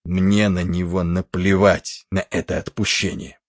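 A man voicing a big, coarse, angry ship's stoker with a rough, defiant, scornful manner, in an audiobook. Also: sits low, flat delivery, a little slow, dry recording. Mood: gruff.

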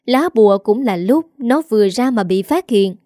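A domineering old matriarch from a storybook, put on by a woman narrator, scolding harshly in a rage. The tone is mellow and dark, with a dry, close sound. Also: on the high side, expressive, moderate pace, no echo, natural voice. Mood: furious. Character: old wealthy mother-in-law, furious and domineering.

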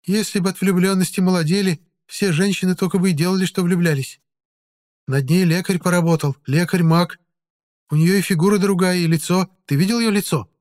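A man's voice: high voice, fairly even intonation, a little fast, a little mellow, voice pushed up, close to an everyday voice. A man doing a nosy gossiping middle-aged woman. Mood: scornful. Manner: nosy, chattering in a raised voice. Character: gossipy baker's wife, about fifty, shrewd.

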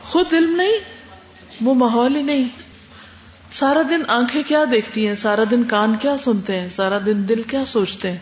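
A woman teacher lecturing her class, explaining points in short lists and rhetorical questions. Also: a little high. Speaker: religious studies teacher. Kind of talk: classroom lecture answering students. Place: lecture room. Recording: roomy classroom, dull sound, faint hum.

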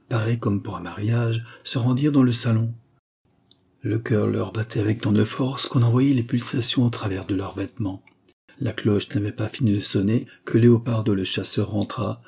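A man narrating a classic novel as an audiobook in a measured, even manner. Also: on the low side, gravelly, husky.

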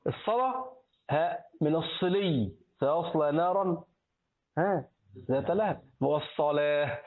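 A middle-aged man with an Egyptian accent, giving a religious lesson as a sheikh, who repeats words aloud and quizzes his listeners. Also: on the high side. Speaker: sheikh teaching hadith and jurisprudence. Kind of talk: religious lesson, colloquial explanation. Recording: tinny phone-like recording.

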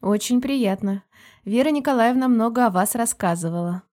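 A woman's voice: fairly high pitch, moderate pace, darkish tone, voice pushed up, natural voice. Woman reading a polite, businesslike male engineer. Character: friendly man in his forties, chief engineer. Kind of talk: audiobook character voice.

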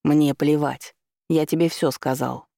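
A man's voice: on the high side, fairly even intonation, a little slow, vocal fry, dark tone, dry recording, clean studio sound. A man voicing a blunt, irritated young man who speaks in a curt, dismissive way.

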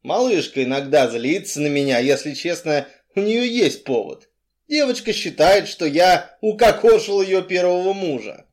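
Man playing a crime boss, gruff, sly, mocking, blustering, lively swings in pitch, crime audiobook. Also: moderate pace.

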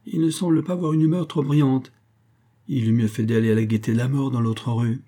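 A man reading an audiobook, voicing a sneering gentleman at a club who mocks a newcomer. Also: mid-range voice, fairly even intonation, brisk, voice pushed up, close to an everyday voice. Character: mocking male clubman eating cheese toast.

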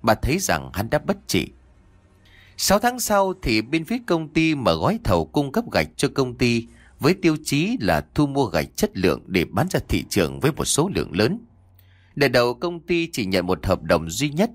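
A man narrating a scripted ghost story with lively, dramatic storytelling. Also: medium pitch, normal speed, no echo.

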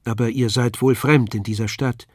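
An earnest, eager young journeyman, as the male reader plays him, pressing his help with quiet urgency. His voice sits at a middle pitch, close to the reader's own. Recorded dry and close. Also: steady tone, normal speed, dry recording, close to an everyday voice. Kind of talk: audiobook character voice.

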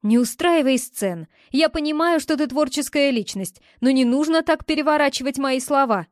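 Audiobook role: a woman voicing a young man, a pleading ex who turns curt, in a fairly high, dry-sounding voice. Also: lively intonation, moderate pace, no echo. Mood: defensive. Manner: pleading, then curt and defensive. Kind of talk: audiobook character reading.

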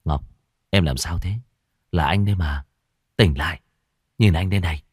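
A man voicing a calm young man who speaks softly and coaxingly to his frightened girlfriend. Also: low voice, moderate pace, husky, no echo, studio quality. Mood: soothing. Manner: soft, hushed, coaxing.

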